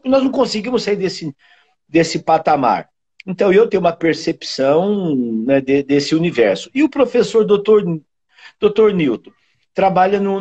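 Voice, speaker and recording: Over muffled, husky online-call audio, an older caipira-accented man from rural São Paulo state runs a relaxed fitness live stream. He chats about and reads out viewers' towns, leaning on tag questions, in a voice that's on the high side and a little mellow.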